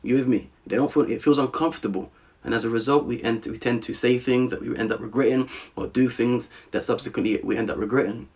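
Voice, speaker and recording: A man with a South London accent talks through a personal story at a medium pitch. He speaks casually and keeps checking in with his listener. His delivery is animated, and his accent comes through plainly as he goes. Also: fast. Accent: South London English. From Southeast London, England. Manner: animated, checks in often with "you with me?". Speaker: podcast guest.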